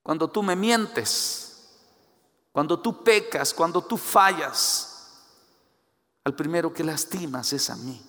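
A preacher voicing God as a loving, grieved father, in soft, pleading tones. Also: on the high side, expressive, slow pace, long pauses, exaggerated voice. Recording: echoey hall.

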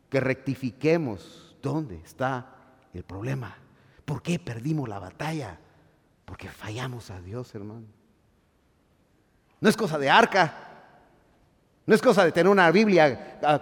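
Animated preacher in a reverberant hall. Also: male voice, on the high side. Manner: animated preaching, swings from shouting to hushed asides. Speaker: pastor. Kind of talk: sermon.

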